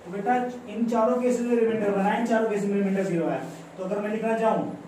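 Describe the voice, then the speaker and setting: High-voiced Indian man teaching maths in an echoey room. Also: steady tone, fast talker, mellow. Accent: Indian English mixed into Hindi. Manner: explains step by step, repeats phrases, coaxes students with questions. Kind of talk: blackboard maths lesson. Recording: very echoey room, mic far off, faint background noise.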